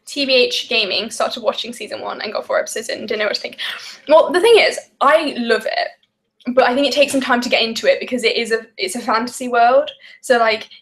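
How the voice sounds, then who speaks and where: A woman's voice: on the high side, fairly quick, fairly bright tone. A young woman from the English Midlands with a Midlands accent, chatting casually and rambling on a live stream while baking, with lots of fillers and giggles. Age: young adult. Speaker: vlogger.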